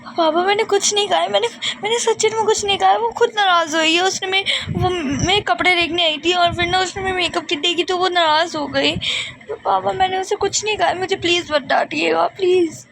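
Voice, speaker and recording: A woman's voice: very high-pitched, steady tone, brisk, vocal fry, fairly bright tone, a little hiss or hum, voice pushed up, heavily acted. A woman voicing a timid young daughter who stammers and pleads with her strict father. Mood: pleading.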